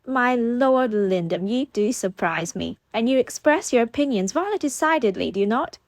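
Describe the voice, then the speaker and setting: A woman voicing a playful, teasing young gentlewoman of the gentry, a bit higher than her narrating voice. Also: normal speed, dry recording. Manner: lively, teasing.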